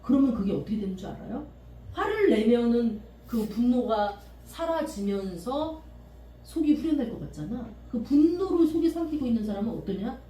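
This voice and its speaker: A woman pastor preaching a sermon in a church, animated, often laughing and acting out the people she quotes. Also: a little high, normal speed. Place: church sanctuary. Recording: echoey room from far off, faint hiss.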